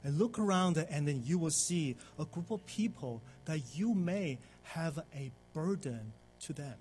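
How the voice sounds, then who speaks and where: A man preaching a sermon in short phrases and pausing so an interpreter can follow, with frequent fillers. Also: fairly high pitch, lively intonation, darkish tone, soft background music. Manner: halting, with frequent fillers and pauses between phrases. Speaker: pastor.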